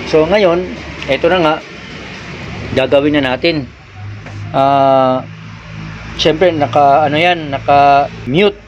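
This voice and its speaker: A man giving a casual hands-on lesson on setting up a mixer, explaining step by step and shouting test calls into a microphone. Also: medium pitch. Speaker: sound equipment tutorial host. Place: room with a mixer and powered speaker. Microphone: handheld microphone, held at varying distance. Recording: dull sound with faint background noise.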